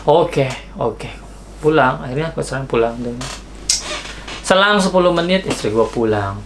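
Young man, vlogger, slangy, lively storyteller, middle pitch, slight hiss behind. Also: moderate pace. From Indonesia. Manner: slangy, animated, acts out quoted dialogue. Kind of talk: casual storytelling vlog.

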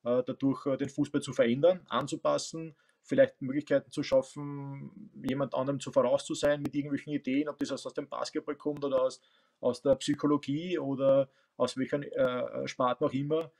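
Flat-voiced Austrian man on a video call. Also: medium pitch, a little fast, vocal fry. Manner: thoughtful, many fillers and restarts. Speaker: football coach and teacher. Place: home room with bookshelves. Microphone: webcam on video call.

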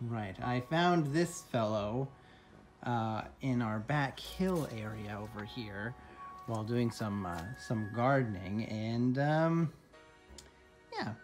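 A man in his thirties hosts a casual first-person vlog tour, speaking haltingly and with playful drama into a phone held at arm's length. His mid-range voice is expressive, with faint music behind him. He moves from indoors at home to outside and into an old barn.

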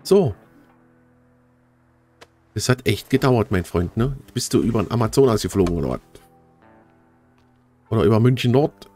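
A man giving chatty, casual commentary while playing a game, talking straight to his viewers and getting easily excited. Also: fairly low pitch, a little fast, pauses often, soft background music. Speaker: let's play host.

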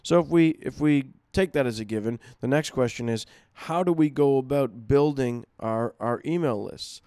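A man presents a marketing webinar in a relaxed, unscripted way. His voice is smooth and resonant at an ordinary middle pitch. The sound is close and dry, with no room to it. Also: normal speed, no echo. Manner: conversational, many fillers and restarts.

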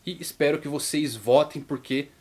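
A Brazilian man with a Brazilian Portuguese accent, hosting his manga vlog in a chatty, casual way and playing out viewers' questions in a higher voice. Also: fairly even intonation, moderate pace, a little mellow, breathy edge. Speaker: YouTube manga channel host.

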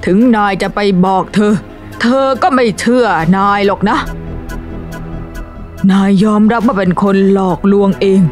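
A woman's voice: medium pitch, measured pace, a little mellow, faint music behind, lightly acted. An actress playing a scheming woman who mocks and belittles a man, in a dubbed drama. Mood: taunting. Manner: taunting, contemptuous. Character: scheming woman, contemptuous accomplice.

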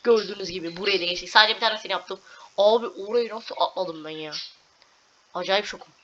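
A young woman giving casual commentary on her gameplay, excitable and talking to the game, repeating words as she plays. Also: medium pitch, quick pace, lo-fi sound, a little hiss or hum. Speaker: gameplay streamer.

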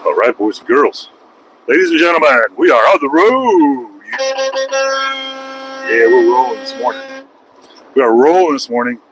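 A man's voice: mid-range voice, lively intonation, moderate pace, pauses often. A man in his forties with an American accent, a truck driver vlogging from his cab at night, rambling and joking at his own expense. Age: 40s. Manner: rambling, self-mocking, joking. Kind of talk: casual vlog monologue while driving. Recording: faint road and engine noise.

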